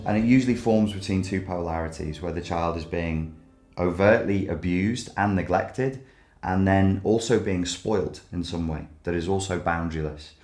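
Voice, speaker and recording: A man's voice: deep voice, normal speed, a little mellow, faint music behind. A man speaking as a therapist expert, methodical and explanatory in an interview. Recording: roomy echo.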